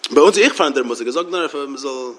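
Fast, halting man. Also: medium pitch, lively intonation. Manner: halting, repeats words and restarts. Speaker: religious teacher. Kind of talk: Torah lecture.

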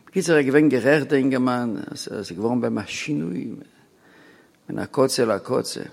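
A man telling a rambling personal story, halting with many restarts and pauses, sometimes dropping to a quiet mutter, with a long echoing reverb on the recording. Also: medium pitch, vocal fry.

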